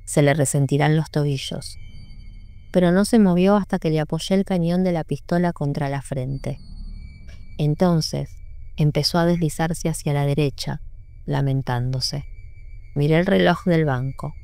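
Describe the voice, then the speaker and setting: A woman narrating an audiobook in a measured, sombre reading. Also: low-pitched, steady tone, warm tone, clear, resonant tone. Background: faint music.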